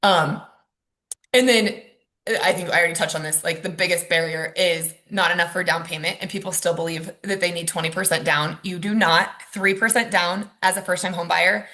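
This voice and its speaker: Bright-voiced woman giving a chatty webinar. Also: lowish voice, fairly even intonation, moderate pace. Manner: casual, chatty delivery with frequent ums and likes. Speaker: mortgage lender and house hacker presenting a webinar. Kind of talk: webinar presentation over slides.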